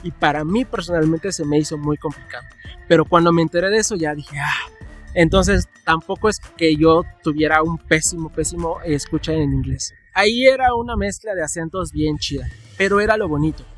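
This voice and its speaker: Young man, Mexican accent, casual vlog storytelling, acts out dialogue, raised pitch, faint background music. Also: a little fast. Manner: chatty, animated, acts out his own past dialogue. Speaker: vlogger.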